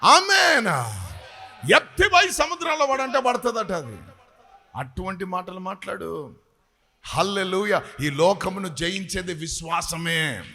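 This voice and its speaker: A man preaching a sermon and leading prayer, fervent, at times shouting and half-singing his phrases. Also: sits high, animated, a little slow. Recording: long hall reverb.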